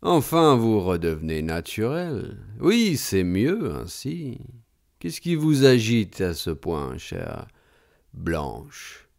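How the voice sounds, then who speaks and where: Man doing a soft, mocking lodger. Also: lowish voice, wildly swooping pitch, exaggerated voice. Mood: smooth mocking. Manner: deliberately soft, smooth and ironic. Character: suave, mocking middle-aged male lodger.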